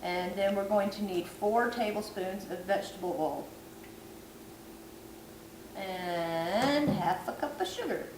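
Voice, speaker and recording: Slow and mid-range, with long pauses, a vlogger losing her voice chats her way through a self-deprecating cooking tutorial. She's at home in the kitchen at night. The camera sits far off, so the audio is echoey with background noise.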